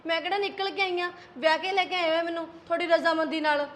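A woman's voice: extremely high pitch, steady tone, fast talker, a bit bright. A young woman playing a patient daughter-in-law from Punjab, earnest and pleading. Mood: hurt. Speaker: young wife. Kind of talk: amateur village drama acting.

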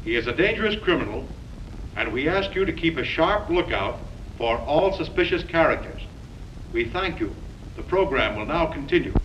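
A formal radio station announcer in an early talkie film, his slightly raised voice measured and official. The sound is muffled and distant, with a faint hiss under it, like an old 1929 soundtrack. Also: a little high, lively intonation, fairly bright tone. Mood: urgent. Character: formal male radio station announcer reading police bulletins.

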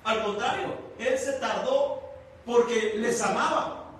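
A man's voice: very high-pitched, slow, a bit bright. A man preaching a sermon at a church service, telling the story with expression and asking the listeners questions. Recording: echoey church hall, mic at a distance.

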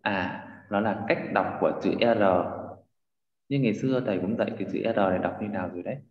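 Fast-talking male teacher, echoey dull sound. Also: fairly low pitch. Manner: quizzing and explaining, frequent tag questions. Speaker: Korean language teacher. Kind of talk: online language lesson.

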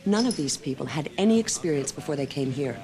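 A woman's voice: deep voice, expressive, fast, warm tone. An actress in her forties playing an effusive, theatrical director of an amateur troupe in a television drama. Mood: earnest, wheedling.

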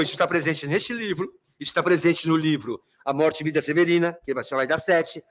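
A Brazilian man teaching a literature review class, often checking that students follow and calling them by fond names. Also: fairly high pitch. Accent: Brazilian Portuguese. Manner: keeps checking understanding, addresses students fondly. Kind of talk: exam review lecture.

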